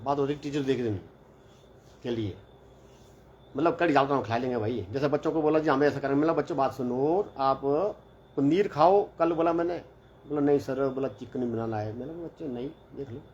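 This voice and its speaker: Casual male vlogger, middle-pitched, rambling storyteller; slightly muffled lo-fi recording with faint background hiss. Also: fast, a little mellow. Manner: rambling, chatty, repeats "bola" and "bhai". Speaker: hostel mess teacher. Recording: slightly dull lo-fi audio with faint background noise.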